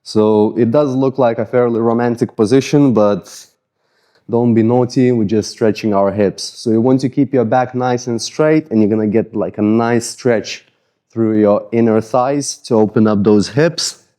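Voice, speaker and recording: An unhurried male voice of medium pitch belongs to an Eastern European-accented fitness coach. Sweaty after his workout, he guides a follow-along mobility routine casually while joking about his own tightness. He keeps things relaxed and self-deprecating.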